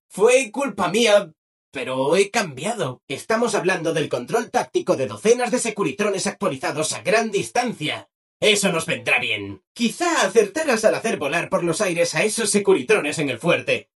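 A relentlessly chirpy video game robot, speaking with a Castilian Spanish accent. The voice sits high and swoops up and down with a slightly husky edge. It is servile and fawning, eager to please in every phrase. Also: male voice, fairly bright tone, exaggerated voice. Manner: exaggeratedly upbeat, fawning, sing-song.

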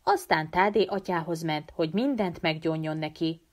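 A woman's voice: low-pitched, lightly acted. A woman reading an urgent, earnest teenage boy. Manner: urgent, pleading. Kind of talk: audiobook character reading.

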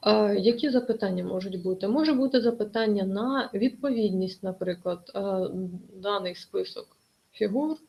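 A woman's voice: mid-range voice, normal speed, vocal fry, dull audio. A woman teaching an online exam-prep lesson, explaining carefully with many hesitations.

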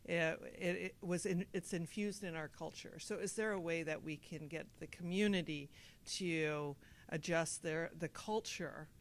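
A woman's voice: fairly low pitch, a little slow. A woman on a discussion panel, reflective and searching, posing questions aloud into a handheld mic. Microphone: handheld microphone.

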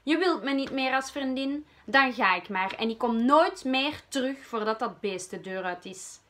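A woman's voice: mid-range voice, a little slow, close to an everyday voice. A Flemish woman voicing a touchy, easily offended female friend of a witch in a read-aloud storybook. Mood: angry.

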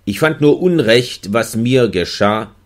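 Guy reading a german novel audiobook, first person, measured and expressive, mid voice. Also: medium pitch. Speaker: audiobook reader. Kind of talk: literary audiobook narration.

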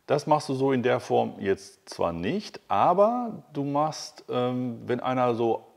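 A man's voice: mid-range voice, sing-song, slow, vocal fry. A man hosting a casual interview in a large workshop hall, talking in a chatty, enthusiastic way with many fillers and restarts. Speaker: host.

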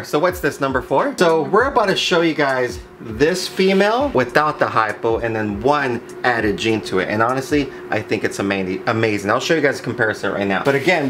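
A man's voice: medium pitch, fairly bright tone. Enthusiastic man showing off, noisy room. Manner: enthusiastic, slangy, repeats superlatives. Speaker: snake breeder presenting his collection. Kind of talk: casual video showcase to viewers. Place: small indoor reptile rack room.

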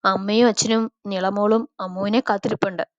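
A woman's voice: medium pitch, little pitch movement, brisk, no room sound, natural voice. Woman doing a fussing, motherly neighbor. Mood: caring. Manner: motherly and coaxing. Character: middle-aged mother, warm, caring, fussing neighbor. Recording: slightly dull, dry recording.

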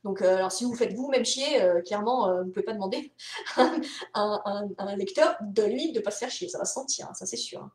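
A woman author answering reader questions in a casual live-stream Q&A. She is animated and talkative, with many hesitations and casual swearing. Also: medium pitch, a little fast. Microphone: webcam or phone mic on a live stream. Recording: roomy echo.

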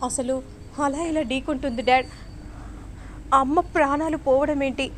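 A woman's voice: high voice, fairly even intonation, moderate pace, slight background noise, close to an everyday voice. A woman reading as a bewildered grieving son. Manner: bewildered questioning.

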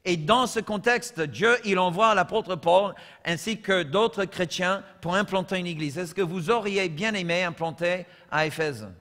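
A high, bright-voiced American man preaches a sermon in a church with a long echo. He moves from quiet, humorous asides to loud, shouted lines. His accent carries through every phrase. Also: unhurried, few pauses. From United States. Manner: humorous storytelling. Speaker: pastor.

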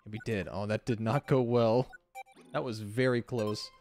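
A man's voice: on the low side, steady tone, a little slow, a little mellow, soft background music. A man hosting a gaming video, giving casual, off-the-cuff commentary as he plays. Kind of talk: casual let's-play commentary.

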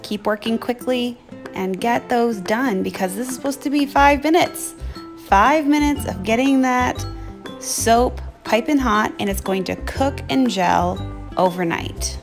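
A woman's voice: fairly high pitch, measured pace. Chatty woman in her thirties, music behind. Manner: chatty, upbeat, talks while working in the kitchen. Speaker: DIY homemaking vlogger. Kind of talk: casual how-to narration. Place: home kitchen and laundry room. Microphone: phone held at arm's length.

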